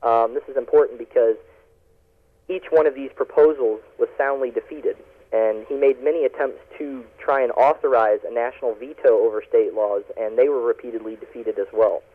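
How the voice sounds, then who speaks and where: A man's voice: medium pitch, fairly even intonation, moderate pace. A man calling in to a talk radio interview, heard over a phone line on the radio, explaining earnestly with many ums and uhs. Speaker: activist guest calling in.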